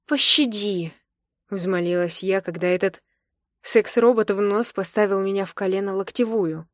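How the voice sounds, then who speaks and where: A young woman reads a first-person romance audiobook in a medium voice, expressive and intimate. The recording is close and dry, with no room sound. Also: mid-range voice, moderate pace, no room sound. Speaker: narrator.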